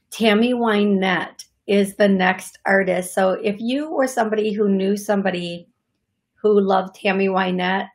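This is a solo livestream of a psychic medium show, hosted by a middle-aged woman seated on a leather couch in her living room. Her voice sits in the mid-range and is raspy from allergies. Her manner is chatty and apologetic, with frequent laughter and hand gestures.

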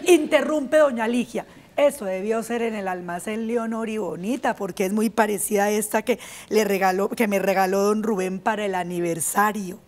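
A woman's voice: medium pitch, moderate pace, a little mellow, some chatter behind, slight background noise, natural voice. A woman acting out an outspoken little girl in a comic stage monologue, switching among the voices of her family. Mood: cheeky. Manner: blurts embarrassing remarks, switches between family voices. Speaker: stage actress.

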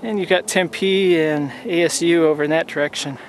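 A man in his forties talks to a camera held at arm's length from a desert mountaintop, his voice pitched a little high for a man. He rambles along in an easygoing way with frequent ums. Faint outdoor noise sits behind him. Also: normal speed. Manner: relaxed, rambling with many ums. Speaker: hiking vlogger. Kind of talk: casual outdoor vlog.

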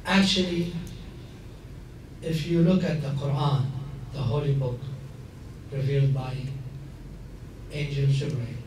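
Slow, emphatic imam in an echoey hall. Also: male voice, mid-range voice, fairly even intonation, a little mellow, recorded from a distance, a little hiss or hum. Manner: measured, emphatic, gesturing while speaking. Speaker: imam giving a talk. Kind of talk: public talk to a mixed audience. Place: large hall indoors. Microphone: stand mic at a lectern.

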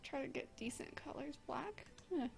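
A woman with the hiccups, chatting excitedly and giggling as she plays a game at her desk microphone. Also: sits high, normal speed, gravelly. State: has the hiccups. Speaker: gaming channel host. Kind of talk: casual let's-play commentary. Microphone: desk microphone, leaning in close.

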